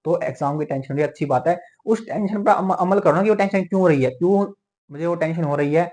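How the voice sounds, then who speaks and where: A young man giving a motivational talk to exam students, tagging nearly every point with a quick "theek hai". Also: on the high side, darkish tone. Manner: fast, repeats "theek hai" as a tag. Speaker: medical entrance exam mentor.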